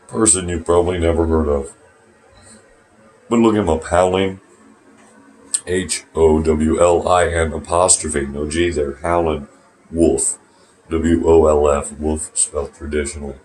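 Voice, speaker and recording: Very deep-voiced man rambling sarcastically. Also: fairly even intonation, slow, pauses often, a little mellow. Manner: rambling, sarcastic, swears often. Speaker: vlogger. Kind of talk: rambling casual monologue to camera. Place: small warm bathroom at home. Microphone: phone camera.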